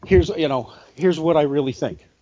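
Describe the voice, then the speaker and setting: A man arguing as a guest on a call, halting and correcting himself, his voice cracking when riled. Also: a little high, mellow, dull audio. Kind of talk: heated debate on a call.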